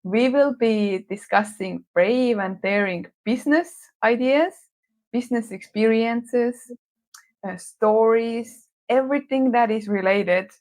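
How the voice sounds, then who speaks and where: Woman co-hosting a podcast. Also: fairly high pitch. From Estonia. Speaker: podcast co-host. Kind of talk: casual podcast conversation.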